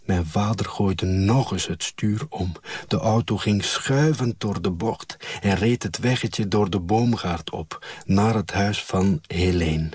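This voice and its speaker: A man reading a novel aloud in a low, husky voice, slow and measured. He is recorded close and dry, with no room around him. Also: no echo. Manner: calm, measured storytelling. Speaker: audiobook reader. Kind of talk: scripted narration.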